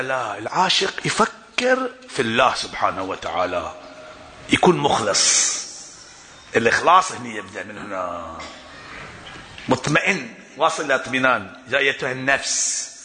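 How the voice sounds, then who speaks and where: Impassioned preacher, sharp voice. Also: male voice, medium pitch, big-room sound. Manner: impassioned, builds to rising emphatic delivery, chuckles often. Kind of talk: sermon at a religious gathering. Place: religious gathering hall indoors.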